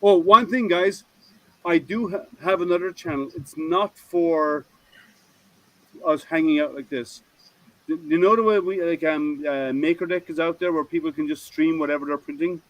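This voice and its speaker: Chatty male livestream host, slightly high. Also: moderate pace, sharp tone, no room sound, rough recording. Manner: chatty, rambling with frequent restarts. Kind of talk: casual livestream chat.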